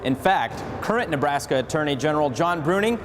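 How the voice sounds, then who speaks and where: A man's voice: on the high side, expressive, brisk. A man delivering a scripted report as a news reporter. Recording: noisy, very reverberant room.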